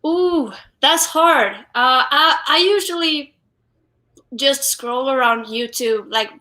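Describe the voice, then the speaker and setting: Bright Swedish-accented woman, halting chat. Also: high-pitched. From Sweden. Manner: halting, many fillers and restarts. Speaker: guest drummer. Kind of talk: casual live-stream interview. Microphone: wireless headphones.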